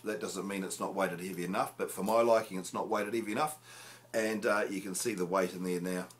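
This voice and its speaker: Low-voiced New man, chatty. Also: steady tone, fairly quick. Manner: chatty and jokey, many filler "uh"s. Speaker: fishing show host. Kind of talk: casual product review. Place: small indoor room with fishing rods. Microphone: camera close up at arm's length.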